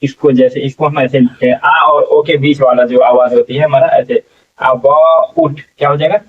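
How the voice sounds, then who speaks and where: Brisk and fairly even in tone, this mid-range male voice comes through distant and tinny, like an off-mic phone. In Hindi, he teaches English reading in a slow spelling lesson, spelling letter by letter, repeating words and asking the class what they spell.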